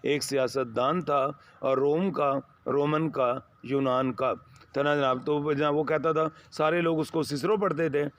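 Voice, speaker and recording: A man's voice: on the high side, fairly bright tone. A male teacher lecturing a class, reading lines and glossing each phrase with many synonyms. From Pakistan. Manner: reads English phrases slowly, then glosses them in Hindi-Urdu with many synonyms; addresses students as "my son" and "sir", with frequent fillers. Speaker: English teacher. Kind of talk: classroom lecture explaining a text line by line.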